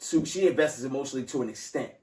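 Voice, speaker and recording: A man's voice: mid-range voice, racing, darkish tone, recorded from a distance. A man hosting a casual podcast chat, loose and slangy, often restarting his sentences. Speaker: podcast host. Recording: roomy sound from off mic.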